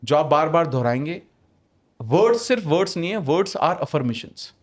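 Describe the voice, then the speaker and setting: A man speaking as a guest on a podcast, his voice sitting a little higher than most men's. He is emphatic, repeats key phrases to drive them home and slides into English mid-sentence. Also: very animated, moderate pace. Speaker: podcast guest, manifestation author. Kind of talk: casual podcast conversation.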